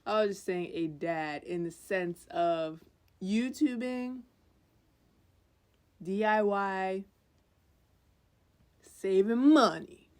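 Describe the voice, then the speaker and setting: A woman's voice: medium pitch, extremely slow, pauses often, a little mellow. A young woman co-hosting a podcast, chatting casually and teasing her partner with short dry remarks. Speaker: podcast co-host. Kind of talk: casual chat.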